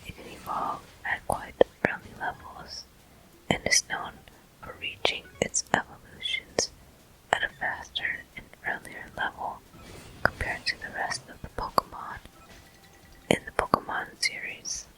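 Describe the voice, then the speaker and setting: A gameplay host whispers ASMR commentary over a video game walkthrough, hushed and unhurried, explaining things in short phrases with pauses between them. The recording is rough.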